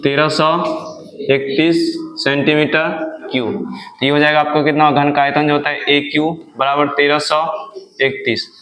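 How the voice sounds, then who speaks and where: A male maths teacher with a fairly high, level, slightly bright voice speaks at a moderate pace in an echoey room. He drills the class repetitively, asking questions and then answering them himself.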